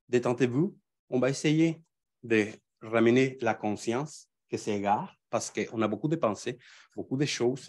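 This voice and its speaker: Gentle man with a Mexican Spanish accent. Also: medium pitch. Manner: gentle, calm instructions with hesitant restarts. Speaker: meditation teacher. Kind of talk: guided meditation introduction.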